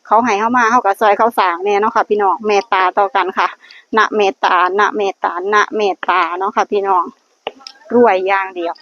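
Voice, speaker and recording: A medium-pitched woman with a Northeastern Thai Isan accent gives casual, blessing-filled luck advice as a vlogger at a temple. She leads lottery luck prayers and earnestly addresses her viewers as brothers and sisters. The sound is dull and lo-fi with faint noise.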